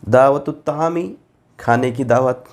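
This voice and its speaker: Slow, deliberate male Quran teacher. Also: medium pitch, a little mellow. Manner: reads Arabic phrases then gives Urdu meanings, slow and deliberate; patient explaining, repeating drill forms. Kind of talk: classroom grammar lesson.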